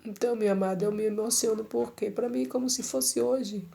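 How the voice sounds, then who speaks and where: Gravelly-voiced woman giving an emotional testimony. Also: on the high side, steady tone, brisk, dark tone. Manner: emotional, repetitive, addresses listeners tenderly. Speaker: church sister giving a testimony.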